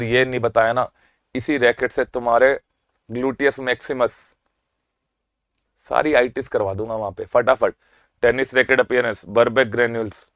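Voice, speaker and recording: An energetic Indian-accented medical exam lecturer delivers a quick-fire revision session at an even, mid-range pitch, teasing and quizzing the class, answering his own questions, and slowly drawing out key terms for emphasis. The sound is close and dry, with no echo.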